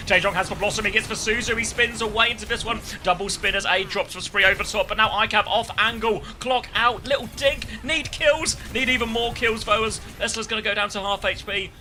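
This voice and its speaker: A man doing live esports play-by-play commentary, with fast excited calls that leap up in pitch on big plays. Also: a little hiss or hum.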